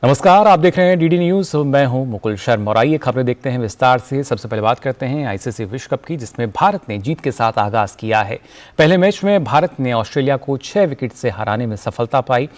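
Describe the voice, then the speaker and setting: Male news anchor, formal scripted read, measured and even. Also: medium pitch.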